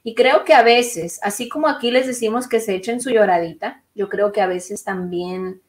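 A woman's voice: mid-range voice, normal speed. Woman, podcast co-host, candid and emotional, casual chat. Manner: candid, emotional storytelling with laughs.

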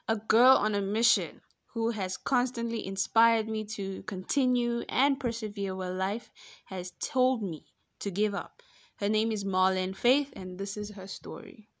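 A woman's voice: medium pitch, fairly even intonation, no echo. A woman hosting an interview show, bubbly and enthusiastic in casual chat. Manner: bubbly, enthusiastic, quick to laugh. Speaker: host.

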